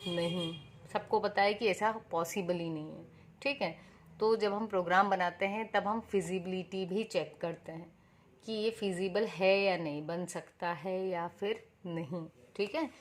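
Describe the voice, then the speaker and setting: A woman talks through a classroom-style lesson at a middle pitch. She builds each point with everyday examples, poses rhetorical questions and then answers them herself. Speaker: teacher. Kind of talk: explanatory lesson.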